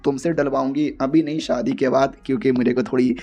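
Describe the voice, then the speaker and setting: A man's voice: mid-range voice, steady tone, a little fast, dark tone, voice pushed down, close to an everyday voice. A man voicing a proud, stubborn young woman who is haughty and teasing.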